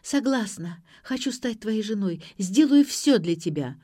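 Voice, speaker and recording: A woman's voice: mid-range voice, expressive, unhurried, warm tone, pitched above the performer's own voice. A woman reading aloud voices a frightened, dazed young woman who murmurs hesitantly. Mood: whispering.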